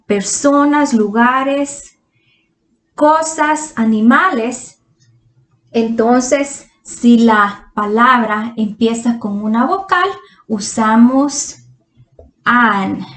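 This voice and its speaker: A woman teaching English grammar to Spanish speakers, patient and drawn-out, asking her students quiz questions. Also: a little high. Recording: echoey room.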